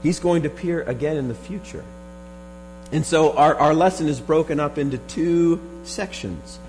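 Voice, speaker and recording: A man with a hoarse, frog-in-the-throat voice teaches scripture verse by verse in a deliberate, emphatic sermon style. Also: a little high, a little mellow, faint music behind, low-quality recording. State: hoarse, froggy voice from a strained throat. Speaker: preacher teaching a Bible study.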